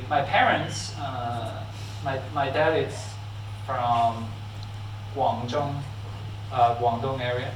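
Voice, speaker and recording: A guest speaker from Hong Kong, with a Hong Kong accent and medium pitch, gives an informal slide lecture in a church hall, friendly and halting, full of fillers, restarts and frequent laughter. The mic sits at a distance in the echoey hall, with a slight hiss or hum.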